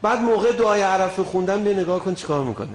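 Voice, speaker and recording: A man preaching a sermon with passion, dropping to a hush and then rising to shouts. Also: high voice, a little hiss or hum. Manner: impassioned, swings from hushed to shouting. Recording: roomy echo.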